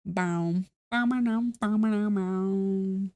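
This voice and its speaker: Speaking extremely slowly in a medium-pitched, slightly mellow voice, this woman streams live and chats casually with her viewers through a stuffy nose. Her talk wanders, packed with fillers, restarts, and self-mockery, and there's no room sound.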